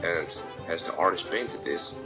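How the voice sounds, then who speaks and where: A man giving scripted documentary narration in a measured way, with small slips in his English grammar. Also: deep voice. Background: music.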